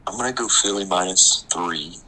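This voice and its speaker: A man giving football picks in a casual chat, quick and offhand. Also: low-pitched, pushed and bright, poor audio.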